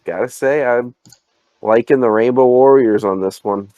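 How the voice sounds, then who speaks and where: A man's voice: mid-range voice, moderate pace, dark tone, dry recording. A man co-hosting a sports betting podcast, chatting casually with dry teasing and short replies. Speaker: podcast co-host.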